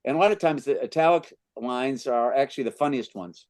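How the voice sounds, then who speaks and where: A man's voice: medium pitch, darkish tone. Man hosting a book club discussion. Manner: thoughtful, halting with frequent restarts; reads excerpts aloud. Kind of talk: literary discussion, answering questions.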